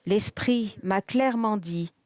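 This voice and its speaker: A woman speaks at an ordinary, middling pitch as she interprets a conference address. Her delivery is steady and measured, in the even cadence of a prepared religious talk.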